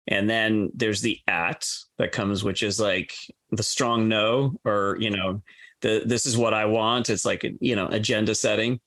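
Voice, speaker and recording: A man's voice: fairly low pitch, a bit bright, no room sound. A man hosting a podcast who asks questions conversationally and explains the concepts at length. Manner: explanatory, with filler restarts. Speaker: podcast host. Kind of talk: conversational interviewing.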